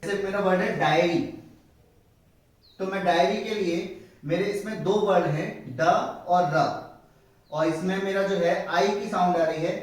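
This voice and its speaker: Man, shorthand teacher, high voice, patient step-by-step explaining, strong room echo. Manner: slow and explanatory, repeating each word as he writes it. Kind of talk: step-by-step lesson. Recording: very echoey room, a bit distant from the mic.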